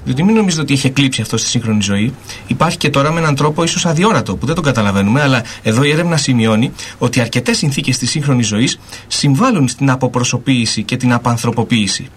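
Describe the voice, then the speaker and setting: A man's voice: medium pitch, animated, husky. A man on a radio discussion panel, explaining in a lecturing style and listing his points one after another.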